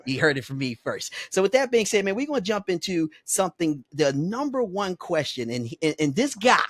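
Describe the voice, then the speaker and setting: A man hosting a podcast, talking in an energetic, hype style with lots of stammered restarts. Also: high voice, moderate pace, no echo, studio quality. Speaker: podcast host.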